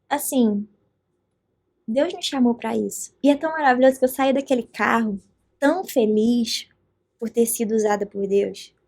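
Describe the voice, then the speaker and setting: High-voiced Brazilian woman sharing her faith. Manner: animated, earnest storytelling. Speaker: podcast guest. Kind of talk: faith testimony in a podcast conversation.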